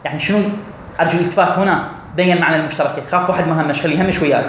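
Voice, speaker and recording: High-voiced man teaching in echoey room. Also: rapid-fire, fairly bright tone, a little hiss or hum. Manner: repeats points and quizzes students. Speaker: grammar teacher. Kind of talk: classroom lecture.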